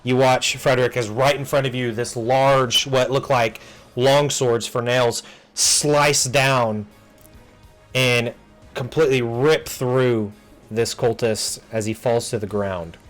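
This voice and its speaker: Relaxed man running a tabletop game. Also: medium pitch, faint music behind. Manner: relaxed and unhurried, with frequent ums and uhs. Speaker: game master.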